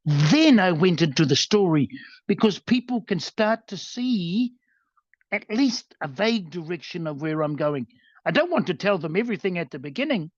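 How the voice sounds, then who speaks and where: A man's voice: high voice, sing-song, normal speed, no echo. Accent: New Zealand. Sex: man. Role: workshop presenter. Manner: earnest, stumbling restarts. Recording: dull, dry video call audio. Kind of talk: coaching talk over a video call.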